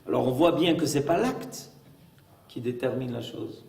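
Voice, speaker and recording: A rabbi teaches a religious class, speaking emphatically and firing off rhetorical questions. His mid-range voice is unhurried and a little mellow, recorded in an echoey room with the mic far off.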